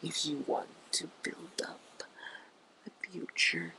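A drunk person rants in a half-whispered rasp, very slowly and haltingly. The voice is creaky, with a sharp edge, and sits close on a phone mic as it broods and rambles. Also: medium pitch, fairly even intonation, rough recording. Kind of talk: rambling rant to camera. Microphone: phone held very close to the mouth.

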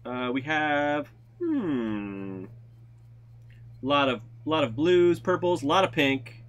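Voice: mid-range voice, big pitch swings, takes it slowly. A livestream host chatting casually and reading out viewer comments while painting crafts with friends. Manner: reads viewer comments aloud, playful. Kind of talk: casual group chat on a craft stream.

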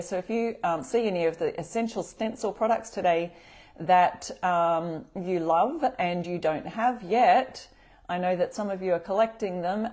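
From a table in a bright room, a middle-aged Australian woman hosts a live craft tutorial, chatting with viewers and greeting them by name. Her voice is medium in pitch.

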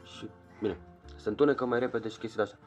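A man's voice: on the low side, fairly even intonation, a little mellow, faint music behind. A young man, chatting casually in a home vlog while scolding his child. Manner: chatty, rambling, scolding a child between remarks. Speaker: vlogger. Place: small bedroom at home.

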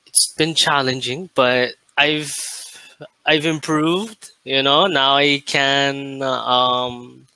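An American man in his late twenties talks slowly and easily on a video call, with a bright, forward tone. The sound is dry and close, and his chat runs loose and friendly, full of little fillers. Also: mid-range voice, clear, resonant tone, no echo, rough recording. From United States. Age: 20s. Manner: relaxed, laughs often, many fillers. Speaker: English tutor. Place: indoor room.

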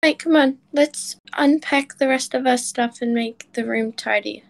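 A woman's voice: sits high, measured pace, gravelly. A woman playing an eager, polite, welcoming young housemate in an amateur roleplay.

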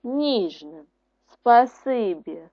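A woman's voice: on the high side, lively intonation, drawn-out words, dry recording. Patient Ukrainian woman teaching children. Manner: patient, encouraging, syllable-by-syllable drilling. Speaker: primary school teacher. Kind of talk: recorded online reading lesson. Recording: dry, dull lo-fi recording.

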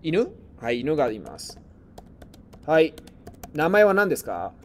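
Patient male Japanese teacher, fairly high voice. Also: big pitch swings, unhurried, slight background noise. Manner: patient, encouraging, calls on students by name; mixes Spanish explanations with Japanese phrases. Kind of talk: online class lesson.

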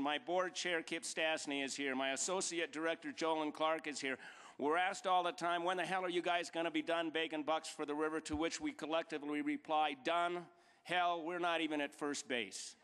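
Sharp in tone and fairly high in pitch, a middle-aged man delivers a formal acceptance speech on a large banquet hall stage. Speaking into a podium microphone amid the hall's long reverb, he builds emphatic lists and repeats dates.

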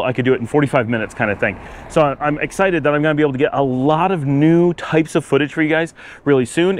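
A middle-aged travel vlogger with a fairly high voice chats casually while walking, rambling with plenty of fillers and restarts. He holds an action camera at arm's length on a city street, with faint street noise in the background.

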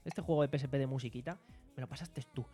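A man's voice: mid-range voice, fairly even intonation, quick pace, mellow, slightly rough, faint music behind. A young man with a Spanish accent hosting a casual podcast from a living-room studio, rambling and joking at his own expense. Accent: Spanish from Spain. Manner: rambling, joking, self-mocking. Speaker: podcast host and sound technician. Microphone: desk microphone on stand.

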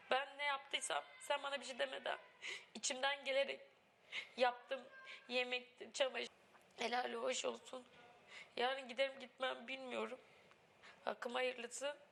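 A woman's voice: high-pitched, creaky, a bit bright, slight background noise. A young woman in a reality show house, tearful and pleading as she pours out her feelings. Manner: tearful, pleading, breaks into crying laughs. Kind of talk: emotional heart-to-heart. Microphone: wireless body mic.

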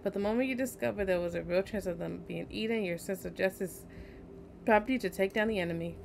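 A tired young woman streams a video game from home, chatting casually and reading the on-screen text aloud while yawning. Her medium-pitched voice is quick, creaky, and somewhat dark in tone, with faint game sounds in the background.

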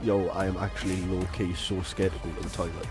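A man's voice: low voice, little pitch movement, fast talker. A man chatting casually and crudely with friends during an online game. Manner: crude, joking banter. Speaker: gaming friend. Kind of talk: casual gaming chat. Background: game music.

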